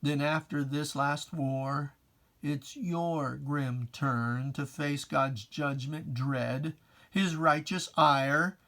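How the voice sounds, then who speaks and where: A poetry reciter gives a dramatic reading of religious verse, solemn, declamatory and emphatic, using archaic diction. The voice is medium-pitched with a sharp tone.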